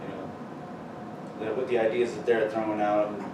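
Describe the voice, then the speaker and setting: A Texan bass player guesting on a podcast, his lowish voice halting and packed with "you know". He sounds distant in a very echoey room. There is clear background noise. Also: level tone. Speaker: band bassist, guest. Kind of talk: casual chat.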